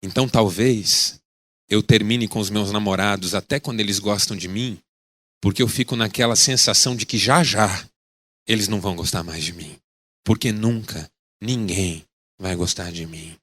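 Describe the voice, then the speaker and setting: A pastor putting on a discouraged woman in her thirties who speaks low and quiet, her words sinking as she goes. The delivery stays subdued and hopeless. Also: moderate pace. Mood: dejected.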